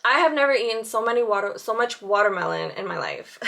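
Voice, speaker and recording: A woman in her thirties talks to her camera in a relaxed, chatty vlog. Her voice is bright and sharp, and she laughs easily and fills her pauses with ums. She keeps talking while she does her makeup. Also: a little high, gravelly. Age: 30s. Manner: chatty, laughs often, many fillers. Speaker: vlogger. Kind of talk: casual chat to camera. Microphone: camera with side viewfinder.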